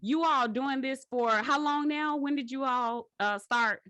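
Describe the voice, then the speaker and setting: Woman host, bright and expressive, dry close mic. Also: high-pitched, measured pace, no room sound, highs cut off. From Georgia, US. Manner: animated, laughing storyteller. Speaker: podcast host. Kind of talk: casual chat.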